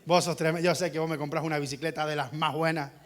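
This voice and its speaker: A preacher acting out a son who flatters his father to get a bike, in a low wheedling voice. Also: quick pace, lightly acted. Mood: flattering.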